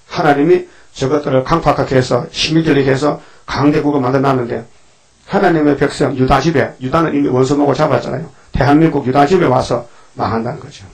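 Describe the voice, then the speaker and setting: Gravelly older man preaching a sermon. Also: mid-range voice, rough recording. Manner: animated preaching, acts out quoted voices. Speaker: pastor.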